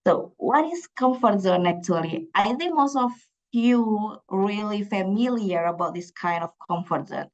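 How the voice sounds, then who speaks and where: Presenting at a conference in a conference room, a young PhD student from Indonesia speaks with an Indonesian accent, her first language being Javanese. She talks unhurriedly in a mid-range voice, often using fillers and restarting her sentences, and the audio is dull.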